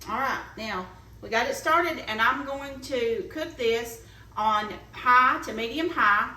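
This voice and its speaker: A woman's voice: on the high side, pushed and bright. A woman hosting a casual cooking demonstration, chatting homily as she works at the stove. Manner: chatty, homey, talks while cooking. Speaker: cooking show host. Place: home kitchen. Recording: roomy kitchen, mic at a distance, sizzle noise. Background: frying and sizzling pan.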